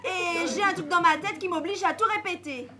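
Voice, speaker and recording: A woman's voice: extremely high pitch, fairly quick, a crowd in the background. An actress playing a shy woman who says everything twice, on a live stage. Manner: says each sentence twice, flat and shy. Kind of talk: live amateur stage acting. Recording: live stage with audience noise.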